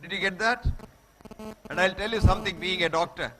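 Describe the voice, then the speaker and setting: High-pitched man with a Telugu Indian accent. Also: fairly quick, rough recording. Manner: emphatic, repeats short maxims, checks listeners understood. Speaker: guest speaker addressing schoolchildren. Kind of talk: motivational talk to children.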